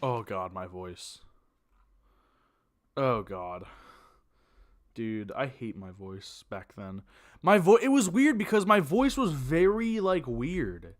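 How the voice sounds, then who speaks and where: A young man in his late teens streams from home on a desk mic, reacting to videos in casual live chat. His mid-range voice is very animated but slow, with frequent pauses, and he rambles with lots of fillers and self-corrections.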